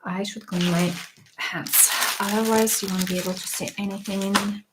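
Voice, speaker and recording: A woman's voice: medium pitch, fairly even intonation, normal speed, very noisy. Chatty woman reviewing makeup, voice a bit worn. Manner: chatty and frank, with small laughs and restarts. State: slightly losing her voice. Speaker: makeup livestream host. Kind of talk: casual product review on a livestream.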